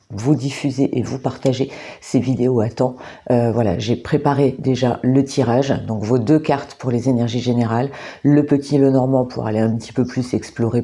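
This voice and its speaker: A woman giving a monthly astrology card reading, talking gently and hesitantly with many repeated words and fillers, indoors under artificial light. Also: a bass voice. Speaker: tarot and oracle card reader.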